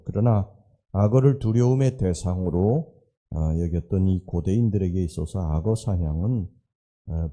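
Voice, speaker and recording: A man preaches at an early-morning service, and his voice sits low and very dark with a husky edge. He presses his listeners with one rhetorical question after another. He speaks with earnest exhortation. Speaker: pastor. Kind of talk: dawn sermon.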